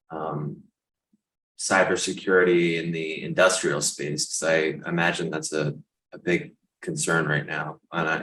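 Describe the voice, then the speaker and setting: A man with a very low, deep voice hosting a podcast interview. He talks in an upbeat, affirming way as he steers the conversation. The room around him sounds echoey. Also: sharp tone. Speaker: podcast host.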